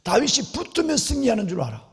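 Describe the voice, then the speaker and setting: A man's voice: very high voice, huge pitch swings, fast talker, slightly rough. A middle-aged male pastor preaching an impassioned sermon and calling out to the congregation. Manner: acts out prayers and quotes in a dramatic voice. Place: large church sanctuary. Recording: long hall reverb.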